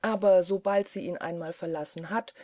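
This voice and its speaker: A woman voicing a curious, earnest young woman who speaks quickly and eagerly. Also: fairly low pitch, fairly even intonation, darkish tone, no room sound, natural voice.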